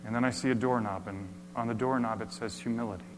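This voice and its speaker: A man preaching a storytelling sermon, dramatic, dropping to hushed near-whispers and rising to loud bursts. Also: mid-range voice, steady tone, fast. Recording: long hall reverb, faint hum.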